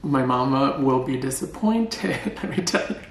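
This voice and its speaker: A man's voice: medium pitch, expressive, unhurried, vocal fry, slight background noise. Chatty, playful man in a roomy space. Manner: playful, chatty and self-mocking. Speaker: vlogger. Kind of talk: casual vlog chat. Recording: roomy echo.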